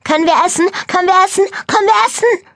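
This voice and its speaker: A woman voicing an impatient little boy in a children's audiobook, chanting in a high, sing-song way. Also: fast talker, a bit bright, no echo, studio quality. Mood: eager, sing-song. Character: small excited little boy, youngest cousin, impatient.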